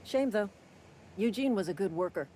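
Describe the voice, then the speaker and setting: A man voicing a gruff, cynical company-town clerk in video game dialogue, speaking curtly and sardonically. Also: high-pitched, animated, moderate pace, mellow, slight background noise, rough recording. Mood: curt, sardonic. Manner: curt, sardonic and impatient.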